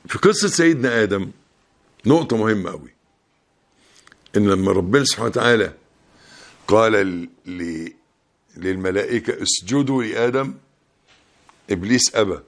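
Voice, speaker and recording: A man with an Egyptian Arabic accent giving a Ramadan sermon, colloquial and emphatic, pressing his points. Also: fairly low pitch. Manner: colloquial, emphatic, rising loudness when stressing points. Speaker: preacher.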